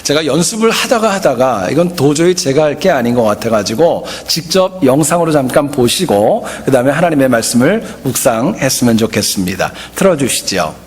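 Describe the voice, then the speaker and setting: A man's voice: mid-range voice, brisk, hardly any pauses, in a large hall. A man preaching a sermon as a pastor, explaining word meanings in a teacherly way. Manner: explanatory, teacherly, lively intonation.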